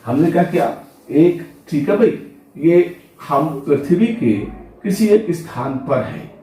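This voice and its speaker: Guy teaching physics, slow and sing-songy, answers his own questions, echoey room. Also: a little high, lively intonation, mellow. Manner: asks questions and answers them himself, repeats "ठीक है भाई". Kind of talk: classroom lecture at a board. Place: classroom with a board.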